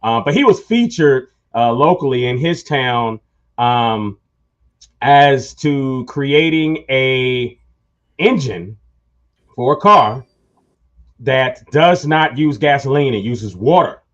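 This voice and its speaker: A man's voice: mid-range voice, lively intonation, slow. A man hosting a talk show, chatting casually and telling rambling stories, calling his listeners y'all. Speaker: show host. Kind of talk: casual chat. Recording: dull lo-fi sound.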